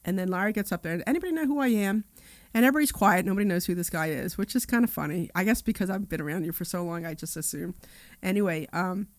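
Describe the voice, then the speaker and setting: A woman co-hosting a radio talk show. She tells stories in a chatty, lively way. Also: fairly low pitch, fast talker, no echo, studio quality. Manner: chatty storyteller, lively when retelling events. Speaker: radio co-host. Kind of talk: casual radio chat.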